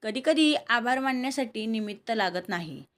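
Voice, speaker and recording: A woman voicing a gentle elderly grandmother in a family audio story, speaking softly and reassuringly. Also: fairly high pitch, lively intonation, normal speed, natural voice. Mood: calm, kind.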